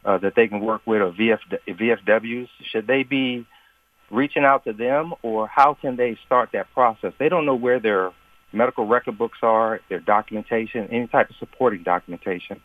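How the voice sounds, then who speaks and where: A man, a retired Marine, calling in over the phone to a radio talk show with a question, talking haltingly with many fillers and restarts. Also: fairly low pitch, no room sound. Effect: heard over the phone. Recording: tinny, distant phone line.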